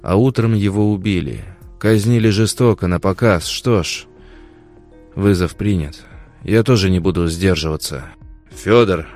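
A man with a very deep voice narrating a fantasy audiobook in first person. His storytelling is steady and dramatic, with faint music running underneath. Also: normal speed.

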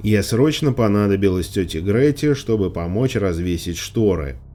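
A man narrating an audiobook in a measured, even storytelling manner. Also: lowish voice. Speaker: audiobook reader. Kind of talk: scripted narration.

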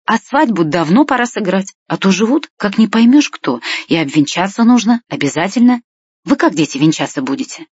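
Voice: mid-range voice, sing-song, brisk, breathy edge, no room sound, highs cut off, voice pushed up. A reader doing a bossy, fussy old grandma. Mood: scolding. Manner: scolding, insistent.

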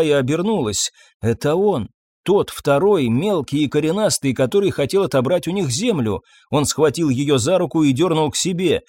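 A man narrating an audiobook in a measured storytelling manner. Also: on the high side, a little mellow, dry recording, clean studio sound. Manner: measured storytelling, voices figures himself. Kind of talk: scripted narration.

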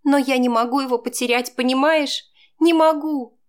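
A frightened, tearful young woman, as a female audiobook narrator puts her on pleads in a raised, trembling voice. She sounds desperate and close to sobbing. The pitch sits clearly above the reader's usual tone. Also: measured pace, close to an everyday voice. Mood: tearful pleading.

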